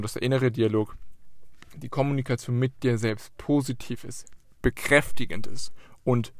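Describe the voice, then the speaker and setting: Speaking earnestly and directly to the listener, a man delivers a motivational monologue full of repeated questions and the occasional swear word. His mid-range voice is emphatic, captured in a dry, clean studio recording.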